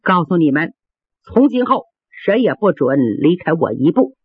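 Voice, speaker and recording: A stern elderly mother , as a storyteller puts her on, speaking in a low, scolding voice. The sound is dry and tinny, like a phone line. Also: big pitch swings, normal speed, slightly rough, no echo. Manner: scolding, lowered voice.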